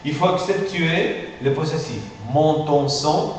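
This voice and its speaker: Man teaching phonetics in an echoey room. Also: a little high. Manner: patient, drills sounds slowly with many repetitions. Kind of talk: classroom pronunciation lesson. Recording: echoey room, far from mic, faint hiss.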